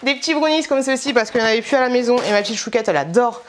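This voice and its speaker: A woman's voice: a little high, racing, a little hiss or hum. A woman vlogger chatting at home in a casual, slangy, rambling way as she shows her shopping. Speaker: vlogger showing a grocery haul. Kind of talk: casual chat.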